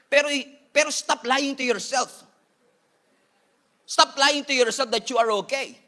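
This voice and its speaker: A man's voice: extremely high pitch, steady tone, a little slow, sharp tone. A Filipino man preaching a sermon as pastor, with a Filipino accent, mixing Tagalog and English and joking with the congregation. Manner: switches between Tagalog and English, jokes with congregation.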